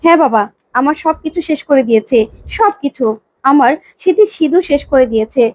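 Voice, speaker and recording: A woman's voice: sits high, lively intonation, fairly quick, darkish tone, no echo. A woman voicing a grieving young widow, hot-tempered and defiant, speaking in an agitated, accusing way.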